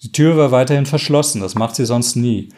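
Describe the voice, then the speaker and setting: A man voicing a worried middle-aged mother who speaks haltingly, pausing to swallow between sentences. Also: medium pitch, darkish tone, lightly acted. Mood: grave.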